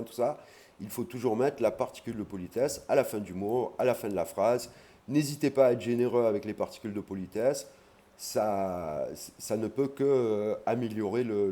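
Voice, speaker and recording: A man teaching an online language lesson, explaining patiently and repeating key words slowly. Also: lowish voice, mellow.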